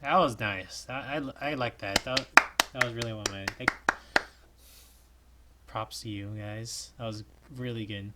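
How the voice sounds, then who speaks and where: A man's voice: mid-range voice, measured pace, pauses often, background noise. A man hosting a reaction video, reading a fan game aloud and voicing each character, with a sore throat. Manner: animated, switching voices for each character.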